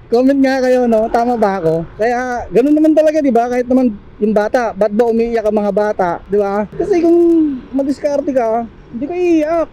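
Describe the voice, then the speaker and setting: Out on the streets, a man from the Philippines who works as a delivery rider talks to his vlog viewers in a very high yet dark-toned voice at a moderate pace, over slight background noise. Chatty and quick to laugh, he keeps adding tag questions and makes apologetic, joking asides.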